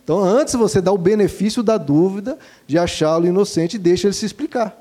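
A man, a father giving gentle, instructive parenting advice and warmly addressing his listeners. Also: sits high, fast talker. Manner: gentle and didactic, calls listeners "dear ones". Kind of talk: earnest advice talk to listeners.

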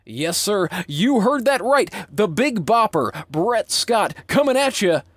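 A man putting on an over-the-top radio announcer voice, showy and booming. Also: big pitch swings, slow pace, a bit bright, dry recording, studio quality, exaggerated voice.

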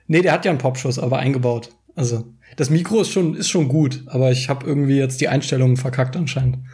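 A man's voice: medium pitch, quick pace, darkish tone. A man chatting casually on a podcast, laid-back and self-mocking, laughing often, his voice distorted by an overdriven, clipping microphone. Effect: clipping, distorted overdriven mic. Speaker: podcast co-host. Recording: home podcast mic, overdriven.

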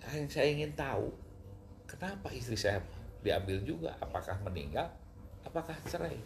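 A man's voice: mid-range voice, moderate pace, vocal fry, slight background noise. A middle-aged man, a guest in an interview, emotionally recounting a personal story. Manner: emotional, animated retelling with rising outbursts.

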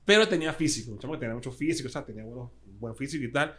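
A man with a Caracas Venezuelan accent, a guest musician telling stories in animated, slangy casual chat with lots of fillers. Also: medium pitch, racing. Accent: Venezuelan Spanish (Caracas).

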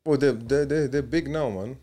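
A man with an East London roadman accent chats loosely as a podcast host. His talk is full of street slang, delivered at an ordinary medium pitch. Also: moderate pace, dark tone. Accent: East London, multicultural street London. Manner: slangy, roadman-style talk with bro, bruv, innit. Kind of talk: casual banter.

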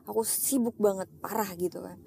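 A middle-aged woman sharing a personal testimony in a casual chat, storytelling in an animated way and slipping into English phrases. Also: medium pitch, brisk, vocal fry, slight background noise. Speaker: guest, lay preacher.

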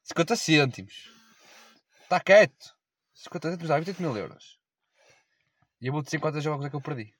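A man's voice: fairly high pitch, animated, a little fast, pauses often, no echo. A young man with a European Portuguese accent in a casual podcast chat with friends, slangy and full of swearing. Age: young adult. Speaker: podcast co-host.

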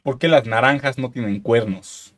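A man's voice: mid-range voice, normal speed, fairly bright tone. A young Mexican man co-hosting a casual podcast, teasing and telling corny jokes. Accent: Mexican Spanish. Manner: teasing, tells bad jokes. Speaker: podcast co-host.

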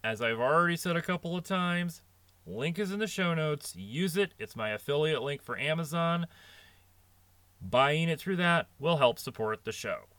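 In a dry recording, a middle-aged man with a fairly high, expressive, smooth and slightly bright voice speaks at normal speed. He hosts a restaurant-management podcast, casually and earnestly recounting anecdotes about managing employees.

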